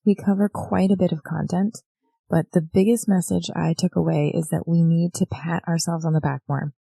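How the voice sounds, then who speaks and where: Woman podcast host, low mellow voice, dry close sound, earnest and reflective. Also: steady tone, moderate pace, gravelly, husky, no echo. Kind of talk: heartfelt personal monologue.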